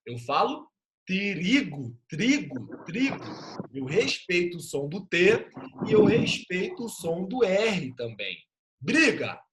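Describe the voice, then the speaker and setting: A man's voice: sits high, huge pitch swings, background noise. A male teacher giving an online class over a video call, patiently sounding out letters and syllables. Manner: patient, drawn-out spelling of sounds.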